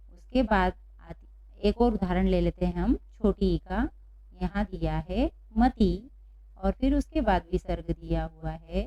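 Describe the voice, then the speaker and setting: A woman teaching pronunciation in a classroom-style lesson, asking questions and slowly repeating each answer. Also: mid-range voice, highs cut off. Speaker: Sanskrit teacher.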